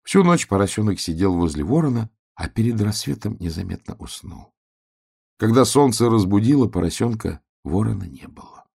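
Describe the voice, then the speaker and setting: A man reading a children's tale aloud, soft and expressive. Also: on the low side, normal speed, creaky, husky. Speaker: narrator. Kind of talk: storybook reading.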